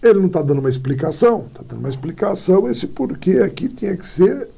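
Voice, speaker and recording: A man's voice: sits high, animated, quick pace, creaky, mellow, breathy edge. A man, teaching a recorded exam-prep grammar lesson and checking in with tag questions as he walks through each answer. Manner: explanatory, full of tag questions like "tá?" and "ó".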